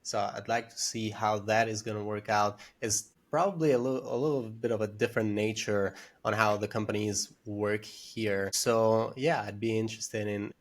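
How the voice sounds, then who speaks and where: A man from Albania with an Albanian accent, hosting an interview and asking slow, deliberate questions. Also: on the low side, steady tone. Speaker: podcast host, interviewer.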